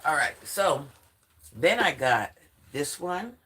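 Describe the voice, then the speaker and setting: An older woman hosts a casual phone livestream, chatting straight to her viewers in a deep, forceful voice that sounds stuffed up from allergies. Her speech is sing-song and slow, with faint noise in the background.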